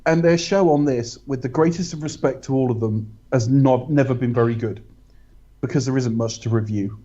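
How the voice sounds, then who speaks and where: A man's voice: medium pitch, normal speed, warm tone, dull audio. Dry, blunt man. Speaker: podcast co-host. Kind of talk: casual film-commentary chat.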